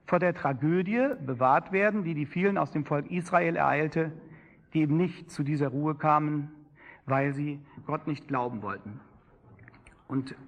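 Male preacher, fairly high voice, emphatic sermon delivery with swelling and dropping phrases. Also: pushed and bright. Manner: emphatic, rising and falling preaching cadence.

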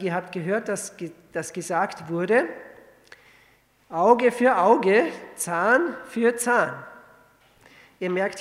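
Gravelly-voiced preacher in a reverberant hall. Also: male voice, sits high. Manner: conversational, many restarts and fillers, rhetorical questions. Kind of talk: sermon, verse-by-verse Bible exposition.

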